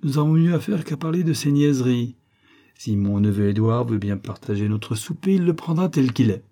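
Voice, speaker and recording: A man's voice: on the low side, animated, moderate pace, mellow. A man reading the part of an old craftsman making an impassioned political speech in an audiobook. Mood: firm.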